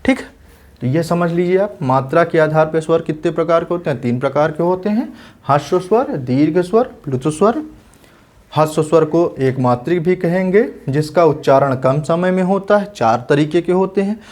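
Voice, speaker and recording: A male teacher giving an exam-prep lesson, explaining patiently and repeating definitions slowly so students can write them down. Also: a little high, animated, a little mellow.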